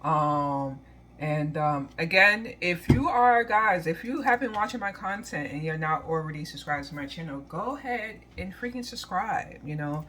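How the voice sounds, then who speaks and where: A woman vlogging casually to camera about her diet in an easygoing way that she calls monotone, recorded on a phone at home. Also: low-pitched, slight background noise. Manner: self-described monotone, easygoing and chatty.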